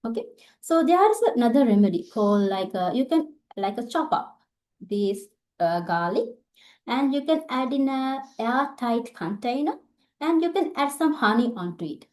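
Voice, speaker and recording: A woman with a Sri Lankan accent and a somewhat high voice teaches in an informal way. She speaks haltingly, as a doctor explaining her field to listeners. She often checks in with little tag words as she goes. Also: sing-song, darkish tone. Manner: halting, checking in with "right?" and "okay". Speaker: Ayurvedic doctor giving a talk. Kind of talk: informal instructional online talk.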